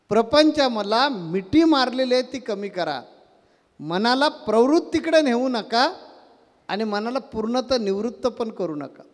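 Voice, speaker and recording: Guy preaching, really high voice, animated storyteller, long hall echo. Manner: animated storytelling, acting out quoted voices, rhetorical questions. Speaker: spiritual teacher giving a discourse. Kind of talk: devotional sermon.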